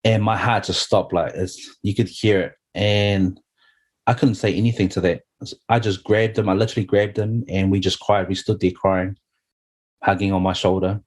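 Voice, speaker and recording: A man's voice: low voice, level tone, normal speed. A middle-aged man, sharing his story earnestly and heartfelt as an interview guest, often saying "you know". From New Zealand.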